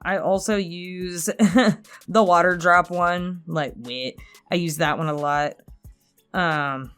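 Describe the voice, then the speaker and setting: An online creator answers subscriber questions in a casual Q&A chat, candid, self-deprecating, and freely sweary. Her fairly low voice moves slowly, with a clean, fairly bright tone and faint music behind her.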